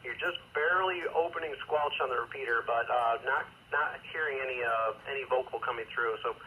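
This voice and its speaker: Man on two-way radio with static, bright voice. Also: medium pitch, rough recording. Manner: measured, formal, with hesitant asides. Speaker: amateur radio net controller. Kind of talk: procedural radio net announcing, reading protocol. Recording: radio transmission with faint static noise.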